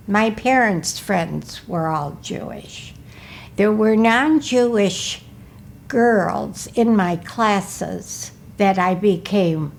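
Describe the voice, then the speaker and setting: A woman in her eighties from Wisconsin, recalling her life in a slow, careful, measured way during an interview. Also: mid-range voice, vocal fry, a little hiss or hum. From Milwaukee, Wisconsin. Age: 80s. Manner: slow, careful, measured recollection, often asking to repeat. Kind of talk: recorded life-story interview.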